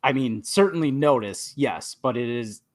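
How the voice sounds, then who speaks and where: A man's voice: medium pitch, lively intonation, moderate pace, no room sound, clean studio sound. A man co-hosting a casual podcast over a remote call, joking and laughing often, with some swearing. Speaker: podcast co-host.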